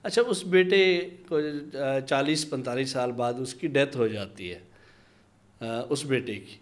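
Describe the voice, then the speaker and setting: A man, sitting as an interview guest and telling a long personal story. He speaks at a mid pitch, with thoughtful pauses, and slips into other people's voices when he quotes them. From Pakistan. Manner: long anecdotes with acted-out dialogue and hesitant pauses. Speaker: interview guest, minority community leader. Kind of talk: conversational storytelling.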